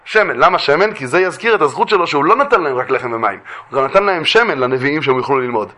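Bright-voiced man telling a religious lesson. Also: fairly high pitch. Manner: animated, acts out the voices of the figures. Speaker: religious teacher.

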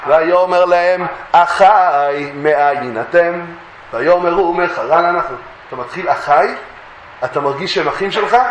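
A man giving a Torah lesson, telling stories lively and acting out the voices he quotes. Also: fairly high pitch, slight background noise. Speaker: Torah teacher. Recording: echoey room.

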